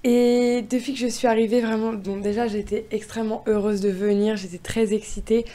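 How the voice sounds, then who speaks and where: A woman's voice: on the high side, little pitch movement, moderate pace, dark tone. A young woman from France, a poet guest answering interview questions eagerly with many hesitations. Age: young adult.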